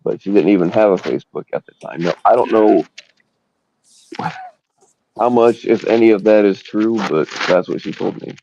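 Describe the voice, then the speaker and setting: Man, livestream host, gravelly voice, casual rambling chat, crude jokes, faint background noise. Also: lowish voice, normal speed, pauses often, warm tone, muffled recording.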